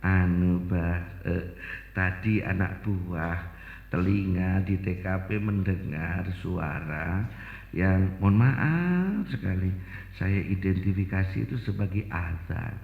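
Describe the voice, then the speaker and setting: A timid brain speaks in a low, slow and overly polite hush to an elder, as a preacher puts him on. The voice drops deep and gravelly, and a long hall reverb trails after each phrase. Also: male voice, full character voice. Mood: deferential. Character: male brain, timid deferential underling to an elder.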